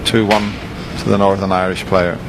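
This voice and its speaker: A man giving quiet, low-key snooker commentary in a relaxed, understated manner. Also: moderate pace, background noise.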